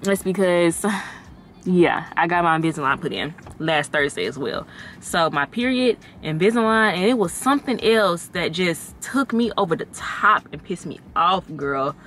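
A woman's voice: fairly low pitch, lively intonation, moderate pace, fairly bright tone, slight background noise. A young woman in her twenties with a Southern US accent, vlogging in casual chat with a slight lisp. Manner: chatty, laughs easily.

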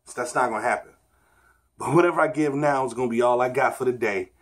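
Guy in his 30s doing a casual fitness vlog at home, medium pitch. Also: fast. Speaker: vlogger, father. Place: small bedroom at home. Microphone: camera on the floor a short distance away.

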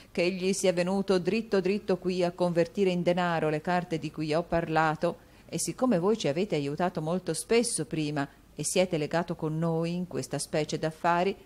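A woman's voice: on the low side, a little mellow, pitched above the performer's own voice, natural voice. A woman voicing a firm, formal middle-aged wife who sets her husband's allowance. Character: stern but doting wife, dressmaker, middle-aged.

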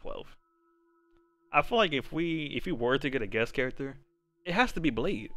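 A young man streaming a fighting game, chatting loosely with his chat and reacting loudly to the fights. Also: mid-range voice, lively intonation, moderate pace, no echo. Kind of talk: casual live-stream commentary while gaming.

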